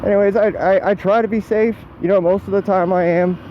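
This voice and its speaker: This young American vlogger, in his twenties, speaks a little fast in a high voice with fairly even intonation as he rides his motorcycle outdoors. His unscripted chatter rambles, mocks himself, and includes casual swearing, heard through a muffled helmet mic over traffic and engine noise.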